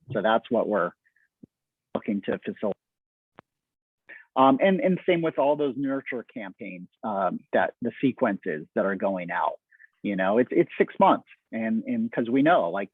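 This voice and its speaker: A man's voice: mid-range voice, husky, no room sound. A man hosting a casual video call discussion on marketing, talking loosely with many ums and restarts. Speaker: marketing host. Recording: tinny, breaking-up call audio.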